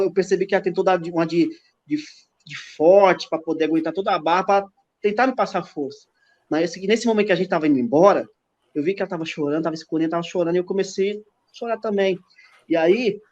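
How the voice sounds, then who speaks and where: As a guest on a podcast, a man with a high, slightly mellow voice shares a personal faith testimony in casual conversation. He tells it emphatically and acts out the dialogue, though the podcast audio is dull and lo-fi.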